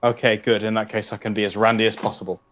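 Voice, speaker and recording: A man's voice: lowish voice, flat delivery, quick pace, fairly bright tone, muffled recording. A man, out of breath, rambling and joking apologetically in casual chat over an online voice call. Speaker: tabletop game player.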